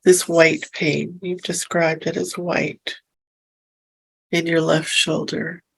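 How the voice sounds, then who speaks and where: A woman leading a hypnosis session, speaking softly and reassuringly as she gently asks questions. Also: low-pitched, level tone, vocal fry, husky, rough recording. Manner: soft, slow and soothing, reassuring. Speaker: hypnosis practitioner.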